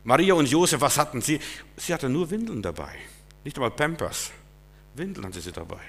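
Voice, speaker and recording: A male preacher giving a sermon, emphatic and swinging between loud stresses and quiet asides. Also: mid-range voice, big pitch swings, brisk, big-room sound, a little hiss or hum.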